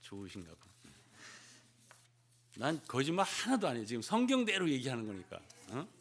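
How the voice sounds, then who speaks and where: An older man, a pastor, preaching a sermon in an animated way, often turning to the congregation with quick questions and acting out prayers and conversations. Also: mid-range voice. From South Korea.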